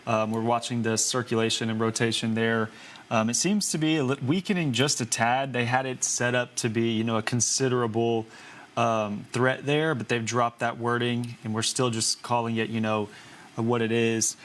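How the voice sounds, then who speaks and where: A man's voice: medium pitch, flat delivery, normal speed. A man co-presenting weather coverage, giving a casual live storm update.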